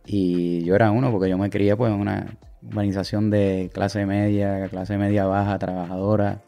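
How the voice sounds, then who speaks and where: Man, Puerto Rican accent, interview guest, dark tone, flat delivery. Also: on the low side, creaky, faint music behind. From Puerto Rico. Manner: relaxed, halting, many fillers. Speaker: guest artist. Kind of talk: casual interview answers.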